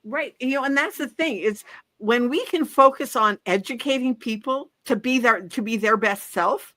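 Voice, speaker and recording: Bright-voiced woman in her seventies. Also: fairly high pitch, normal speed. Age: 70s. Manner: upbeat, emphatic, agreeing often. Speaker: co-host, wellness coach. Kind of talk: casual talk-show chat.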